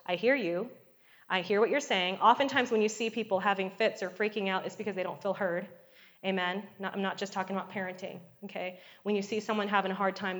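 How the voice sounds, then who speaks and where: A woman's voice: mid-range voice, fairly bright tone. A middle-aged woman giving a conversational sermon, often checking in with the congregation. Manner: conversational, frequent call-and-response "Amen?" and "okay?". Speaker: preacher.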